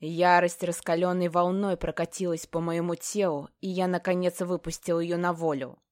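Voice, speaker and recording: A woman's voice: lowish voice, little pitch movement, moderate pace, darkish tone, no room sound. A woman narrating a first-person fantasy audiobook in a tense, dramatic storytelling manner, close to the mic.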